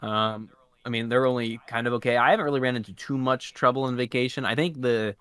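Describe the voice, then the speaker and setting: A man's voice: mid-range voice, steady tone, fast, fairly bright tone, smooth, no room sound. A young man telling a story in a casual podcast chat, hesitant and stammering. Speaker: podcast co-host.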